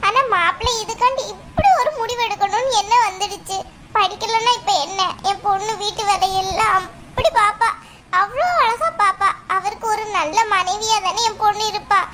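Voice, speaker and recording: A woman's voice: very high-pitched, steady tone, normal speed, pushed and bright, a little hiss or hum. A woman voicing a worried middle-aged mother of the bride in a cartoon, pleading and plaintive. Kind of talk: cartoon voice acting.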